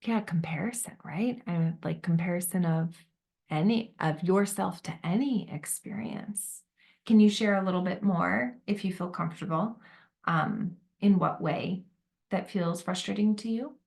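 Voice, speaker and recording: A woman facilitating a group discussion on motherhood, gentle and validating, with many fillers. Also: lowish voice, unhurried, creaky. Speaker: workshop facilitator.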